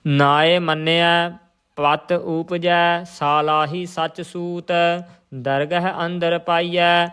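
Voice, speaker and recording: A man teaching scripture recitation, reading verses in a measured, even chant and stopping to explain pronunciation. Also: on the high side, clear, resonant tone.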